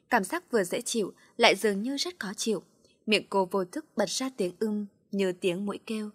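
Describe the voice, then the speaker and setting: A woman narrating a story at a steady, unhurried pace. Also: mid-range voice, husky, dry recording, studio quality.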